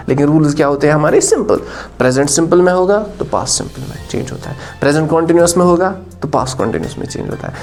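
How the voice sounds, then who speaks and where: Male teacher, lively exam-prep delivery. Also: on the high side. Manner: addresses students as "bachcha", mixes English and Hindi, lively.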